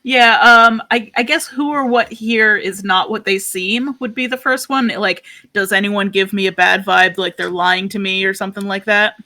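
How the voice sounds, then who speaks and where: A woman's voice: mid-range voice, steady tone, moderate pace, few pauses, pushed and bright. A woman playing a tabletop game, reasoning aloud about her character. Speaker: player.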